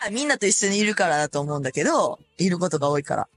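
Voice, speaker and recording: A young woman with an Osaka accent hosting a casual radio chat, reading listener mail and talking things through with relaxed, chatty fillers. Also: fairly low pitch, racing. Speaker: radio host. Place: radio studio.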